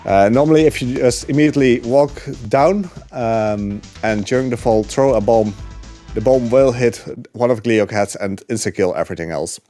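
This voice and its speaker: Game music runs under this young man's relaxed speedrun commentary. His voice is medium-pitched with a dark tone at an ordinary speed, and he peppers it with fillers and small laughs.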